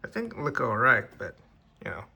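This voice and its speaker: A man's voice: medium pitch, wildly swooping pitch, normal speed, gravelly, pushed and bright, slightly rough. A man, not an English speaker, casually reviewing an action figure in plain conversational talk with restarts. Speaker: toy reviewer.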